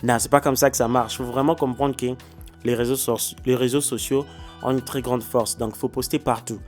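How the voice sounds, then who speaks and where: Un homme qui explique la monétisation des réseaux sociaux dans un tutoriel vidéo décontracté, avec beaucoup d'hésitations et de « ok ? » adressés au public. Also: male voice, mid-range voice, fairly even intonation, normal speed, soft background music. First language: not English, stumbles on English words. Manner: hesitant, many fillers and restarts; addresses viewers directly, repeating "ok?". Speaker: YouTuber explaining social media monetization. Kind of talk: casual tutorial vlog with screen demo. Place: indoors, lives in China.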